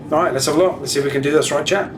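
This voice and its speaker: Matey man livestreaming, slightly high voice. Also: fairly even intonation, rapid-fire. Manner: matey, informal. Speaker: live streamer flying a flight simulator. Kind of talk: casual livestream chat.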